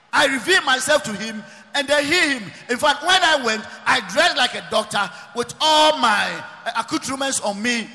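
A man preaches in a very high, bright, forceful voice, hammering points home and often breaking into shouts. His voice rings through a large church hall with a long reverb trailing each phrase. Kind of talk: preaching sermon.

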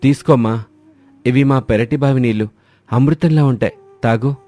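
A man's voice: medium pitch, normal speed, close to an everyday voice. A man voicing a kindly old village man. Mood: reassuring. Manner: gentle, reassuring.

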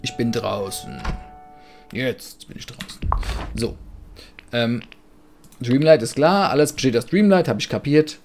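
Man, casual gameplay commentary, blunt jokey rambling, average pitch. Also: a little slow, gravelly, long pauses, darkish tone, soft background music. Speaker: let's play gamer.

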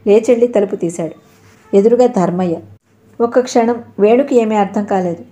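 A woman's voice: medium pitch, moderate pace, warm tone. A woman narrating an audio novel, reading all the characters' lines in her own voice.

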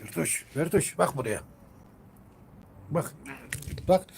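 A man chats casually on a live stream from home, his voice mellow and dark. He keeps calling and coaxing his cat, and faint noise hums behind him. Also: a little high, expressive, slow, vocal fry.

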